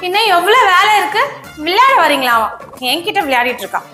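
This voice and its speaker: A woman's voice: extremely high pitch, fairly quick, roomy sound. A woman voicing a busy cartoon mother who scolds and fusses over her children, over music. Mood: scolding. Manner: scolding, fussing. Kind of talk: cartoon dubbing.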